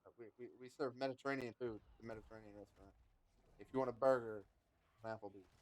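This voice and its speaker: A man's voice: medium pitch, steady tone, fast talker, darkish tone, dry recording, rough recording. A man streaming a game, chatting casually and rambling between moves, swearing now and then. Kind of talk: casual gameplay chat.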